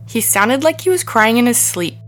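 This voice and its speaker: A man voicing a small, earnest young girl who speaks softly in a storybook reading. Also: very high voice, animated, moderate pace, pitched above the performer's own voice.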